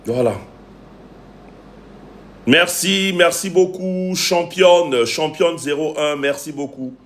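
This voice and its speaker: This man's voice is on the high side and a bit bright, and he talks slowly. With a Cameroonian accent, he hosts a livestream as a relationship coach, lecturing viewers, greeting commenters, and repeating lines for emphasis.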